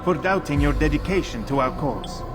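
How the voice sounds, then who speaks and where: An actor playing a courteous, helpful assassin bureau chief in a video game, with formal, polite delivery. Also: male voice, a little high, expressive, a little fast, noisy background, natural voice. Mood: contrite. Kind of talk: scripted game cutscene acting.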